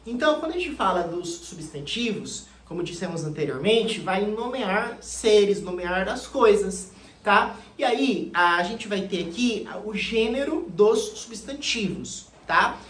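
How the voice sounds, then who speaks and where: A woman's voice: medium pitch, animated, a little slow, roomy sound. A Brazilian woman teacher giving an exam-prep grammar lesson, repeating key words and asking students questions. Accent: Brazilian Portuguese.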